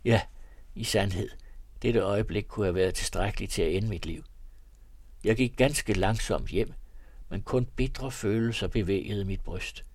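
Low-voiced man reading a novel aloud. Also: no echo. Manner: measured, literary. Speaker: reader of classic novels.

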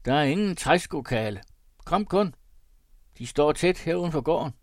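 A man's voice: on the high side, animated, dry recording, clean studio sound, voice pushed up, close to an everyday voice. A man voicing a fat, smug, money-proud old landowner who speaks in a self-satisfied way.

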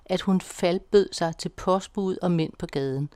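A woman narrating an audiobook in a steady, measured storytelling voice. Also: fairly low pitch, no echo.

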